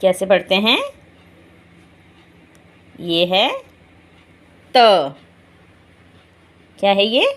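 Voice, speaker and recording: A woman's voice: mid-range voice, extremely slow, long pauses. A woman teaching young children to read, sounding out each letter and vowel sign and then repeating the whole word. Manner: addresses the children directly and checks understanding. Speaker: primary school Hindi teacher. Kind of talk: slow syllable-by-syllable reading lesson for children.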